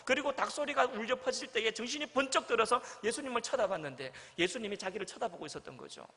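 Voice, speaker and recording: Guy preaching in a church, high voice that swoops all over, acts out the quotes, long echo in the hall. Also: lively intonation, fast, sharp tone. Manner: storytelling, acts out quoted lines with big swings in pitch and volume. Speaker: pastor. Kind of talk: sermon. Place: church sanctuary.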